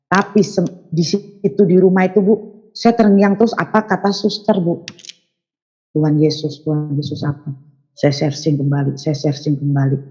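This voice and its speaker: A woman tells her own story as an interview guest, acting out the voices of the people she quotes with big jumps in pitch. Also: a little mellow, breathy edge, dull audio. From Sundanese region of West Java, Indonesia. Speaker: guest giving a testimony. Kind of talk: animated personal storytelling.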